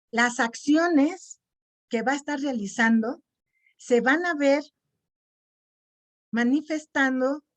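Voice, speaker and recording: A woman gives an online lecture in a fairly high voice. She explains step by step and keeps checking that her listeners follow. She sounds middle-aged and teacherly. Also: darkish tone. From Mexico. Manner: didactic, checks in with frequent "¿sí?". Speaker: lecturer on self-esteem.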